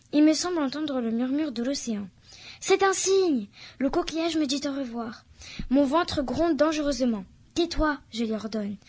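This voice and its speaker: A high, light female voice reads a novel excerpt aloud at an even, careful pace. She lifts her pitch further whenever she voices the characters' quoted lines. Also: husky. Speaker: reader.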